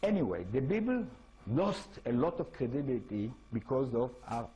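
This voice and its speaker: This author from Israel lectures informally in Israeli-accented English, constantly throwing rhetorical questions at his audience. He has a dark-toned, mid-range voice with big pitch swings and a normal pace, captured in a low-quality recording.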